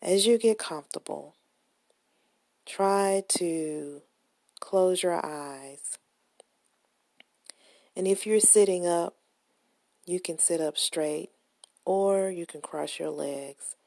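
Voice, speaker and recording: A woman leads a guided relaxation meditation, giving gentle, soothing instructions without hurry. Her voice is soft, breathy and husky, on the low side, and sits close to the microphone in a dry recording.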